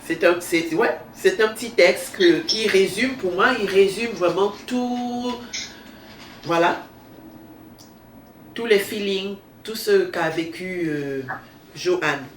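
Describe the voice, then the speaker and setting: Lady book host w thin reedy nasally voice, stumbles n repeats herself, echoey room, bit of hiss. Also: mid-range voice. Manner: halting, repeats phrases for emphasis. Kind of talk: unscripted book discussion. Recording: roomy echo, distant mic, faint noise.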